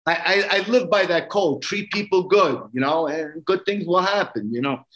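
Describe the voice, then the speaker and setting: A man's voice: fairly high pitch, lively intonation, normal speed, a bit bright, low-quality recording. A man with a Brooklyn accent chatting casually as a podcast guest, earnest and often repeating his phrases. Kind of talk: casual conversation.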